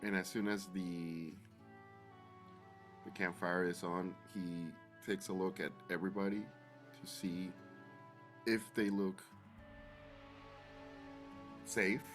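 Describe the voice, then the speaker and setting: Man, tabletop player, deep voice, slow improvised narration, soft instrumental music behind. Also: fairly even intonation. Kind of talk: improvised narration of his character's actions.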